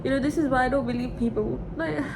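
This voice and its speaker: This twenty-something woman vlogger speaks quickly with fairly even intonation as she pours out a rambling, candid and emotional personal confession, repeating herself for emphasis. There's clear noise and a low rumble in the recording.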